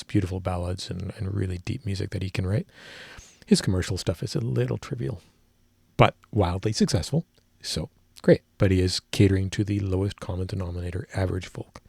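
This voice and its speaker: Male musician reacting to a track, husky and lowish, dry close sound, rambling, technical, self-correcting. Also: mellow, dry recording. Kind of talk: casual music analysis.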